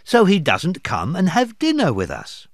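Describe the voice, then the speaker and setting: A man reading aloud voices a kind, cheerful young nephew with a raised, bright delivery. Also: high voice, wildly swooping pitch, unhurried, no echo, studio quality, voice pushed up, exaggerated voice. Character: male kindly Cheerful nephew Fred.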